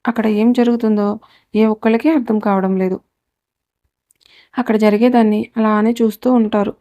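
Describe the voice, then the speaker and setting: A woman narrating a serialized family drama story in a steady, even reading voice. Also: a little high, normal speed, no echo.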